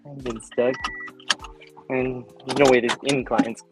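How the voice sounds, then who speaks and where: A man's voice: medium pitch, flat delivery, a little slow, over loud music, rough recording. A man chatting casually with a friend on a stream, joking in a profane way and laughing often. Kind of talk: casual chat.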